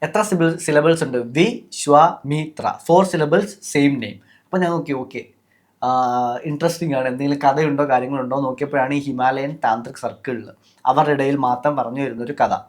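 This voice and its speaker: A man's voice: mid-range voice, fairly quick. A man with a Malayali accent hosting a podcast, explaining things casually with many fillers and English words mixed in. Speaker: podcast host.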